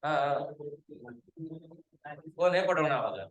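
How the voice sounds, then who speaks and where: A man's voice: on the high side, expressive, takes it slowly, roomy sound, low-quality recording. A male computer teacher giving a classroom lecture, quizzing his students, calling them to stand and scolding those who have not understood.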